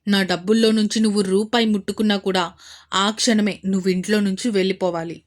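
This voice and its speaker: A woman's voice: mid-range voice, steady tone, quick pace, lightly acted. A woman voicing a stern, threatening young husband. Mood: angry, threatening. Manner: threatening, harsh warnings. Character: stern angry rich young husband, man.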